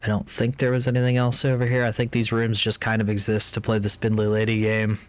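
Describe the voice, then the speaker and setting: A man's voice: fairly low pitch, monotone, quick pace, clear, resonant tone. A man streaming a video game, giving casual commentary and reading in-game text aloud.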